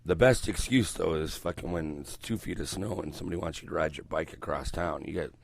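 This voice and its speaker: Still getting over a cold, this older morning radio host sounds hoarse and croaky as his voice returns. His voice is very deep and a little fast as he rambles and swears freely in casual chat, using a headset mic around his ear in a small studio.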